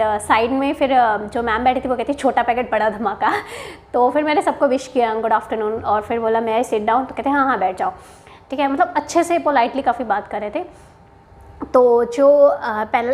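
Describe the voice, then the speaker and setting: A young woman from Haryana, a bank officer, casually telling the story of her job interview to her viewers, chatty and mixing in English phrases. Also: a little high. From Haryana, India. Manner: chatty, mixes Hindi and English, frequent "theek hai" asides.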